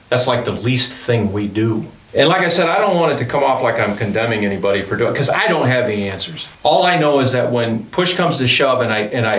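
A man's voice: fairly low pitch, a bit bright, echoey room, rough recording. A man in his fifties who leads a band, speaking earnestly and reflectively about faith and his home studio, often repeating himself. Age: 50s. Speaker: band leader and studio owner. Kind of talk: reflective documentary interview.

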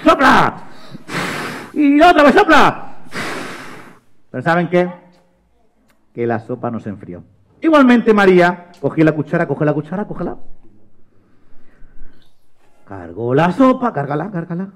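Playful and coaxing, a young children's magician and storyteller banters with a child volunteer in a live show. He speaks a little fast in a fairly high voice marked by huge pitch swings.

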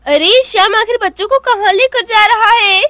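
Woman narrating a kids' doll story, very high bright voice, talks right to viewers. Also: normal speed, dry recording, studio quality. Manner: lively, addresses viewers directly.

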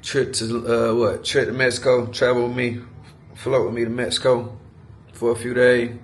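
A man's voice: medium pitch, little pitch movement, normal speed, a little hiss or hum. A man talking loosely in slang as he vlogs a trip on his phone. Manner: loose, joking, profane slang. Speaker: rapper on tour. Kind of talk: casual vlog banter. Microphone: phone camera at arm's length.

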